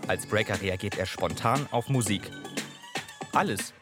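A man narrating a TV report in scripted narration, with a measured reporter's delivery. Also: lowish voice. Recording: narration over loud music. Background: music.

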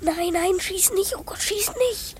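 Boy detective, panicky and whimpering, very high voice, radio play. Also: normal speed, slight background noise. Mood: panicked. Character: frightened twelve-year-old boy detective hiding.

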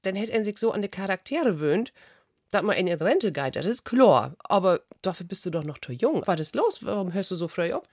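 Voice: medium pitch, sing-song, a little fast, a little mellow, no room sound, clean studio sound. A talk-show host interviewing a guest in a chatty, familiar way. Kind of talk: interview questions.

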